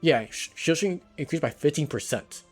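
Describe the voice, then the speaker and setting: A man's voice: fairly high pitch, expressive, normal speed, soft background music. A man giving casual, rambling gameplay commentary on a livestream, talking into a headset mic and swearing now and then.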